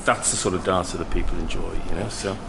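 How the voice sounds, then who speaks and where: A male interviewer with a lowish voice chats with a panel at a quick clip, winding through his questions and tagging them with asides. The recording carries a clear layer of background noise. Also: steady tone. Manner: chatty, rambling, with frequent "okay?" and "you know".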